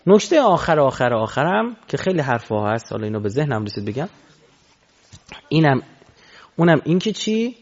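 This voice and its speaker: A man preaching a religious sermon into a microphone, swinging between loud exhortation and low murmurs. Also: sing-song, long pauses. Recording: dull lo-fi recording.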